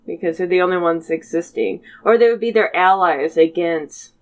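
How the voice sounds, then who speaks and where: A woman's voice: on the low side, moderate pace. Giggly rambling woman chatting. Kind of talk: casual brainstorming chat.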